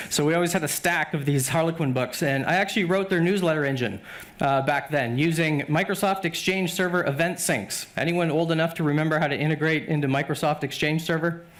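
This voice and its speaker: A middle-aged man giving a conference keynote to a live audience, conversational and often asking the audience questions. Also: a little high. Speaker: keynote speaker.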